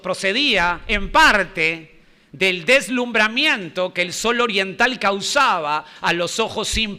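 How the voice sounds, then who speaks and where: A man's voice: high voice, bright, forceful tone, smooth. A male pastor preaching a sermon, emphatic, repeating key phrases and quizzing the congregation.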